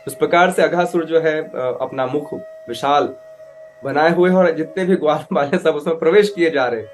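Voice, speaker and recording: A man telling a devotional scripture story as a preacher, animated, acting out characters and mixing in English words. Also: fairly high pitch, normal speed. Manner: animated storyteller, acts out voices with loud outbursts; mixes English words into Hindi.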